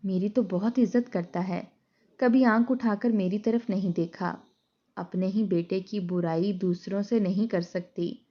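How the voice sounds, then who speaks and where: A woman voicing a gentle, forgetful old mother. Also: mid-range voice, steady tone, unhurried, close to an everyday voice. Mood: defensive. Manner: pleading, soft-spoken. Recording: dull lo-fi recording.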